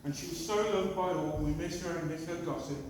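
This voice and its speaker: A man's voice: fairly high pitch, brisk. A middle-aged man giving a prepared wedding speech and toast as father of the bride, in short phrases. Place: large reception hall. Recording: very echoey noisy hall, far from mic.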